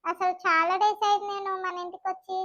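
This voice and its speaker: A fretful, fussing village mother with a Telangana accent and a high voice, as a woman acts her out. The sound is a little dull and lo-fi. It suits a cartoon family comedy. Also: fairly even intonation, fast, pushed and bright. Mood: worried. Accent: Telangana Telugu. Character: worried middle-aged village mother.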